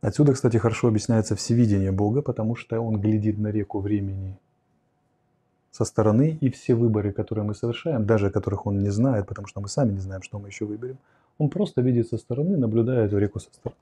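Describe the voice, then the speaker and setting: Low-voiced man lecturing at a whiteboard. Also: fast talker, warm tone, slightly rough. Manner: reflective, explains with a whiteboard, reads questions aloud then answers. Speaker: host answering viewer questions. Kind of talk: livestream lecture on philosophy and psychology. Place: indoor studio room with curtains and whiteboard. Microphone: lapel mic.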